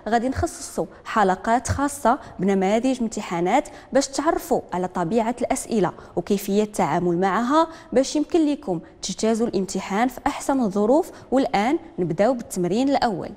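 A woman with a Moroccan accent teaching a literacy lesson, repeating each word slowly and calling on learners one by one. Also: on the high side, animated, darkish tone, in a large hall. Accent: Moroccan Arabic. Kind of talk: broadcast classroom lesson.

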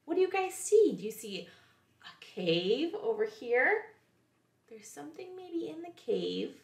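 A woman's voice: high-pitched, big pitch swings, unhurried, creaky, echoey room. A woman, a children's librarian, reading picture books aloud to young kids in a playful way, often asking them questions.

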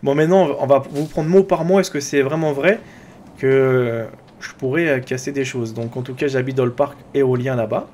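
A man with a French accent doing chatty, excitable let's play commentary, talking to his viewers and to his own character. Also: mid-range voice, normal speed, slight background noise. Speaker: gaming YouTuber.

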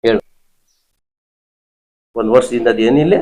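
A man's voice: medium pitch, a little slow, mellow, low-quality recording. A man, a spirit healer who keeps repeating short, insistent questions and commands. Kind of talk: ritual interrogation.

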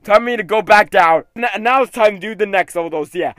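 High, bright-voiced man, excitable game commentator, prone to shouting at the character. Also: quick pace, dry recording. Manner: repeatedly tacks "though" onto sentences. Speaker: gaming video host.

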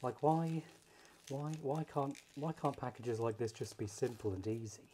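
A man's voice: medium pitch, moderate pace, warm tone, a little hiss or hum. Chatty self-mocking British man. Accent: British English. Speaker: cooking vlogger. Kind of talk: casual cooking review. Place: home kitchen. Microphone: phone camera filming hands.

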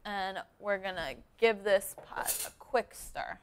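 A woman's voice: mid-range voice, slow pace, fairly bright tone, slight background noise. A young woman hosting a cooking show in a home kitchen studio, chatting upbeat as she explains each step. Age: young adult. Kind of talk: casual cooking demonstration.

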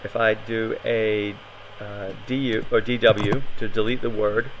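A man's voice: fairly low pitch, flat delivery, unhurried, lo-fi sound, a little hiss or hum. A man giving a live coding demo at a meetup, thinking aloud and hesitating often. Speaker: meetup presenter. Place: meetup room.

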